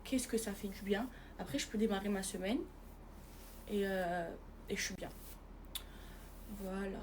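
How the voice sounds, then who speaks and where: A young French woman talking casually to her viewers from bed, often in a hushed voice. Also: medium pitch, a little slow, noisy background. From France. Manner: chatty, hushed at night, calls viewers "les filles". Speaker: vlogger. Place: bedroom, in bed.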